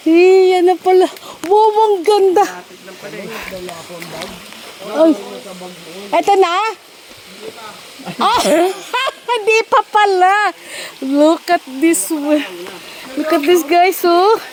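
A woman's voice: very high voice, slow pace, long pauses. A woman narrating a casual hiking vlog, out of breath, chatty and full of exclamations, mixing English into her talk. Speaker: vlogger. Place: outdoors on a forest trail by a waterfall.

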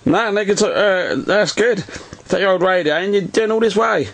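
An English amateur CB radio operator films his contacts from a home radio set indoors, chatting casually in radio jargon and saying "Roger" often. His voice sits high and is gravelly and a bit bright, at normal speed. The phone video beside the radio carries faint noise.

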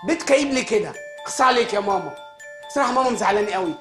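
An actor with an Egyptian Arabic accent playing a spoiled, grumpy grown son who is whiny, petulant and quick-tempered. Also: male voice, high voice, expressive, a bit bright, soft background music. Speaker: lead comic actor. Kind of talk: animated sitcom voice acting.

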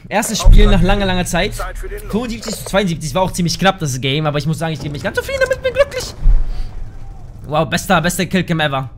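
Excitable young German gamer, high voice. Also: male voice, fast, noisy background. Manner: excitable, yelps and swears at the game. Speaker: gaming YouTuber. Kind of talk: casual gameplay commentary. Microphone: desk microphone.

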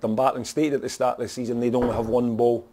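Speaking as a football manager in a post-match interview, a Scottish man talks plainly and directly, leaning on "you know" again and again. He has a dark, mellow voice of medium pitch with little pitch movement, and he talks fast.

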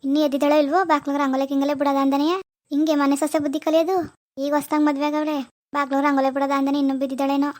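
Brief: a woman playing a nagging village mother-in-law, high voice, clipped and quick. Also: flat delivery, lightly acted. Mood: scolding. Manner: loud, nagging, commanding. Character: scolding middle-aged mother-in-law, strict and bossy.

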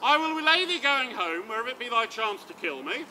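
A man on an open-air stage playing a boisterous, scheming old knight who talks in a loud, swaggering, theatrical way. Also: very high-pitched, big pitch swings, brisk, heavily acted. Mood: mocking. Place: outdoor stage. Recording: outdoor recording with traffic noise.

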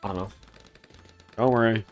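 A young male streamer talks casually and rambles through a live co-op game, tossing in fillers and half-finished thoughts. His voice sits a little low, with soft game music playing faintly underneath. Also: steady tone, moderate pace, lo-fi sound. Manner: rambling, filler-heavy, talking to chat. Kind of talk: casual live gameplay commentary.

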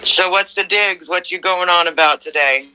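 A man's voice: sits high, normal speed, bright, forceful tone, clear, resonant tone, no echo, low-quality recording. A man in casual chat, reassuring and easygoing.

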